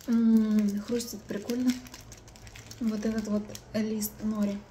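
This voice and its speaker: A young woman talking with her mouth full and chewing, giving quiet, unhurried commentary on a snack. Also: medium pitch, flat delivery, a little hiss or hum. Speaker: mukbang vlogger. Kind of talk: casual food review.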